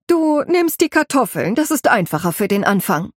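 A woman voicing a strict head housekeeper who drills a new maid in firm, commanding instructions, slightly husky. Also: on the high side, big pitch swings, normal speed, no room sound, studio quality, pitched above the performer's own voice. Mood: stern.

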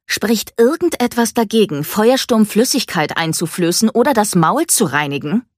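A woman voicing an angry, defiant teenage girl who talks in a sharp, confrontational way. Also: lowish voice, moderate pace, no room sound, studio quality, close to an everyday voice.

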